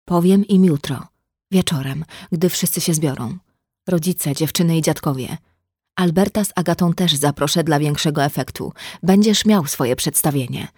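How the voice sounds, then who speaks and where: A woman's voice: low voice, normal speed, a little mellow, slightly rough, no room sound, clean studio sound. A woman reading the lines of a frightened, desperate young man who speaks through strain in an audiobook. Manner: strained, hissing.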